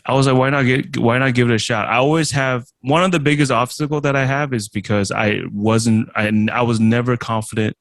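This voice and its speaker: A musician and streamer from Taiwan with Chinese as his first language answers a casual interview in a halting way, full of restarts and fillers. His mid-range voice keeps a steady, fairly bright tone, and the recording is dry.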